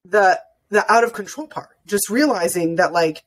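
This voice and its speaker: A woman's voice: medium pitch, expressive, moderate pace, a little hiss or hum. A young woman hosting a podcast, chatting earnestly and emotionally, often restarting her sentences. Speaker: podcast host. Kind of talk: casual interview chat.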